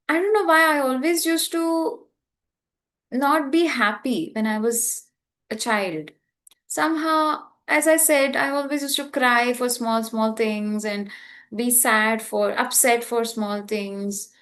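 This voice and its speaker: A young woman with an Indian English accent, sharing a personal story in a spiritual talk, animated and laughing often. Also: fairly high pitch. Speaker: spiritual trainer.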